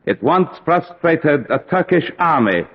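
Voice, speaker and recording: A man's voice: fairly high pitch, very animated, a little slow. A man acting an ancient aristocratic vampire count in an old radio play, courteous yet menacing, speaking formally and grandly. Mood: courtly. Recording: dull vintage radio recording.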